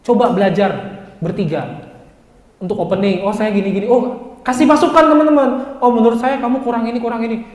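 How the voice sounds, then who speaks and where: A young male lecturer with a high voice, teasing and coaching his students. His voice rings through a big room with a long, echoing tail. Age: 20s. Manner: lively, joking, addresses students directly. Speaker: university lecturer. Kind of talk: classroom lecture. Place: large classroom. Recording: echoey classroom with long reverb.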